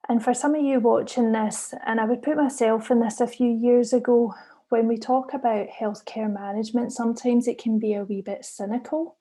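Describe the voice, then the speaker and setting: Woman, middle-aged, mellow warm tone, earnest encouraging talk. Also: on the high side, steady tone, moderate pace. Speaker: consultant geriatrician giving a talk. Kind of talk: recorded conference presentation.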